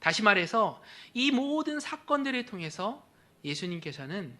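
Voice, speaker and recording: A man's voice: sits high, sing-song, moderate pace, pushed and bright. A male pastor preaching a sermon in a church, emphatic, with phrase ends that drop to a near whisper.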